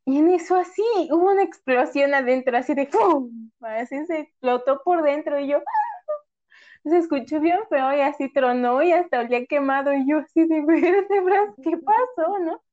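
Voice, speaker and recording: A woman's voice: sits high, brisk, few pauses, a little mellow, dull audio. A young woman hosting a casual chat, giggling as she tells stories. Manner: giggly storyteller, quotes herself. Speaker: host.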